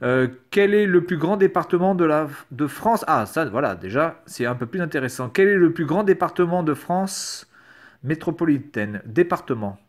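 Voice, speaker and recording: A YouTuber in a casual screen-recorded commentary reads quiz questions aloud and answers them. His voice is fairly high with lively intonation at a normal speed, and he sounds sarcastic and hesitant, swearing now and then.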